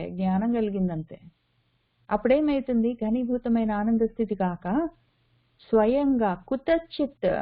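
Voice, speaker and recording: A woman teaching a Sanskrit scripture in a spoken lecture, repeating phrases for emphasis and mixing in English words. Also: fairly high pitch. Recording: tinny phone-line audio.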